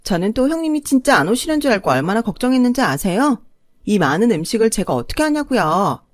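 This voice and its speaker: A woman voicing a spoiled, pregnant young sister-in-law who whines and pleads in a high, sly voice, in a dry recording. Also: very animated, fast, dry recording. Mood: whiny.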